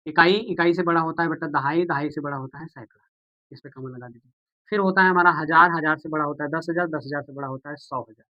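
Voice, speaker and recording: Patient and repetitive, this slightly high-voiced man teaches maths at a fast clip, addressing viewers as "beta" and "bhaiya" while posing questions he then answers. There's no echo, but the high frequencies are cut off.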